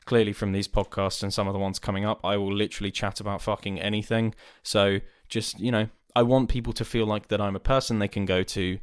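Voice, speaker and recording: A man hosting a podcast, talking earnestly and rambling a little, swearing casually, from a dark room. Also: lowish voice, level tone, a little fast, hardly any pauses, smooth, dry recording, studio quality. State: hiccuping. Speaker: podcast host. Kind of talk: casual podcast monologue and chat. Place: dark room lit by candles.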